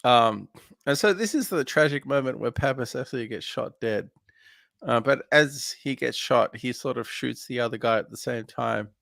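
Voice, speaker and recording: A man's voice: medium pitch, normal speed, vocal fry, a bit bright, dry recording. A man co-hosting a casual film podcast, recapping scenes in a rambling way with lots of fillers. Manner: rambling recap with many fillers, laughs easily. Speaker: podcast co-host.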